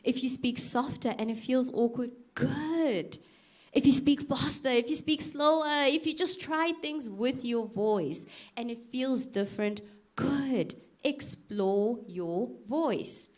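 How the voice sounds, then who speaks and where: A woman with a high voice speaks slowly in a live workshop about public speaking. Asking the audience direct questions, she livens the session by acting out awkward fillers and reactions for effect.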